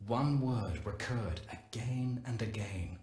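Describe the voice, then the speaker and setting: An actor playing a male morphology scientist reading his own journal log in a game, in a measured, solemn storytelling manner. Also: medium pitch, a little mellow, reverberant, natural voice. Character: Corpus scientist recounting a wild animal. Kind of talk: scripted game audio-log narration.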